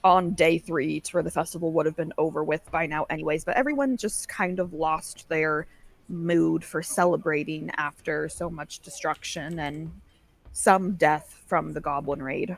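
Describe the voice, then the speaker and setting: A woman's voice: low voice, normal speed, vocal fry. A woman narrating as game master of a tabletop game, easygoing and conversational. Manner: relaxed, conversational narration with fillers. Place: home stream setup.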